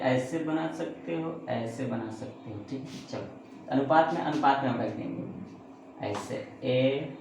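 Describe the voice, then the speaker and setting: Man teaching math, a bit high-pitched, banters with himself between steps; heavy room echo. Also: a little mellow, a little hiss or hum. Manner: asks and answers his own questions; chatty, joking asides. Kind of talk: classroom math lesson. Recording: very echoey room.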